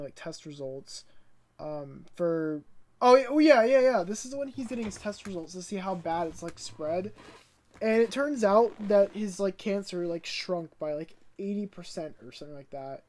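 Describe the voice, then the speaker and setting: A man's voice: high-pitched, expressive, a little slow, a little mellow. A young man co-hosting a podcast, recapping episodes chattily, with frequent restarts and fillers. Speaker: podcast co-host. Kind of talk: casual recap chat.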